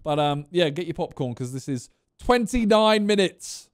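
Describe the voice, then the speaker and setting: A young man streaming from a neon-lit gaming room, reacting to a quiz video with casual, chatty commentary, laughing often and exclaiming loudly. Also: fairly high pitch, lively intonation, moderate pace. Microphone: studio mic on boom arm with headphones.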